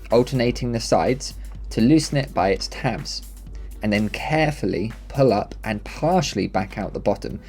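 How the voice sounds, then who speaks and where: A man with a medium-pitched, somewhat dark voice presents a maker channel, delivering scripted tutorial narration that walks through each step methodically. Background music plays underneath.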